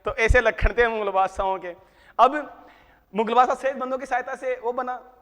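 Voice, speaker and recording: A man's voice: very high voice, fairly even intonation, normal speed, a bit bright, big-room sound. A man teaching a history class, telling stories and acting out dialogue with humor. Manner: storytelling, acts out dialogue with humor. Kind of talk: casual classroom history lecture. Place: coaching classroom.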